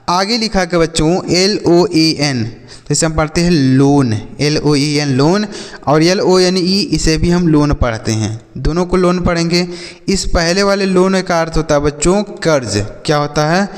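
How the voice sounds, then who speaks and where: A man's voice: a little high, big-room sound. A man teaching children English spellings and meanings, spelling words out letter by letter and answering his own questions.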